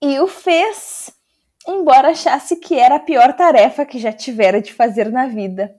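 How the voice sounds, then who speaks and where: A Brazilian woman podcast host reading a story aloud and breaking off for expressive, dramatic commentary. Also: high voice, normal speed. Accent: Brazilian Portuguese.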